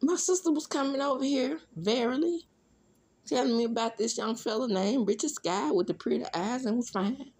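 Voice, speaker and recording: A woman from Mississippi with a Southern Mississippi accent does solo celebrity gossip commentary, casual, sassy and blunt, with conversational asides. Her voice is a little high and darkish, breathy-edged, at a moderate pace.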